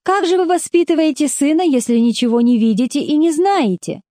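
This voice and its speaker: A woman's voice: sits high, animated, fairly quick, dark tone, dry recording, studio quality, pitched above the performer's own voice. A woman voicing a persistent male prosecutor who questions formally and insistently, in a storybook reading. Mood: probing. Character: persistent male prosecutor, polite but dogged.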